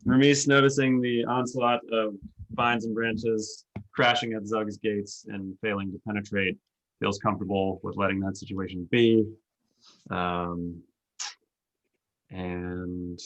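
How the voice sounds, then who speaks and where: A man's voice: fairly low pitch, a bit bright, rough recording. A man playing a tabletop game, describing his character's actions and thinking aloud. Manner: hesitant, thinks aloud with fillers. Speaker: player.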